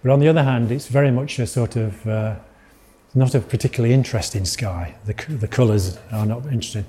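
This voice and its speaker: A man's voice: medium pitch, quick pace, dark tone, slightly rough. A middle-aged man with a Yorkshire accent giving an illustrated lecture, rambling with restarts and asides.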